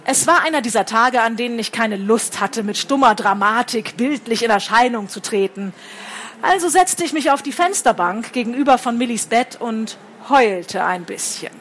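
A woman author reading her own novel aloud at a book fair, in lively, wry first-person narration. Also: a little high, moderate pace, a little hiss or hum.

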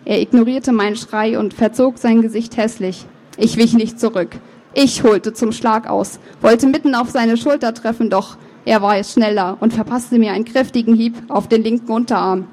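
A woman author reading her novel aloud, with measured, expressive first-person narration and the odd slip of the tongue. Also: fairly high pitch. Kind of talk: book reading.

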